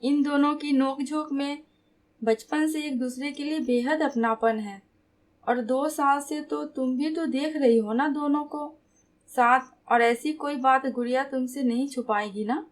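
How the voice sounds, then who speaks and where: A woman voicing a caring older brother, calm and reassuring. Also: high-pitched, a little slow, pitched above the performer's own voice. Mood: affectionate.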